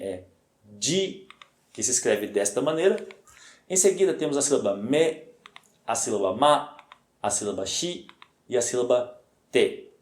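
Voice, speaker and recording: Man, Brazilian Portuguese accent, patient teacher, repeats himself, slow stressed terms, roomy echo. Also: medium pitch, darkish tone. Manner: patient, repeats points, checks in with "ok?" and "né?"; slows down and stresses Japanese words. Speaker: language teacher. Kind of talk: spoken lesson.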